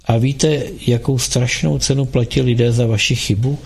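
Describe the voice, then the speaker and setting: A man's voice: medium pitch, fairly even intonation, vocal fry, slightly rough. A man voicing a grieving, angry young mother in an audiobook, speaking indignantly. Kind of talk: audiobook dialogue.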